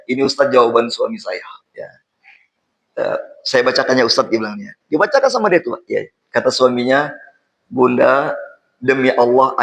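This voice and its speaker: A man's voice: mid-range voice, fairly bright tone, low-quality recording. A man preaching an informal sermon to a congregation, repeating phrases and often addressing his listeners directly.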